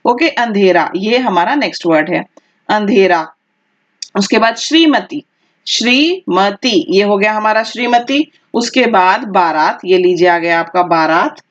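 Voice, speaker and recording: A woman teaching an online exam-prep lesson, carefully dictating words and explaining their spelling, often pausing with "okay". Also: medium pitch, lo-fi sound. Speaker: Hindi teacher.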